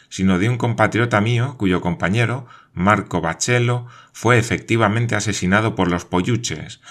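A man reading aloud voices an excitable male scholar in a storybook, exclaiming and explaining with animation. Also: on the low side.

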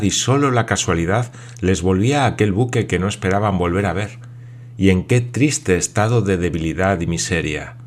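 A man reading a classic adventure novel aloud as narrator, measured and dramatic. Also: low voice. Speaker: audiobook narrator. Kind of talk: scripted narration.

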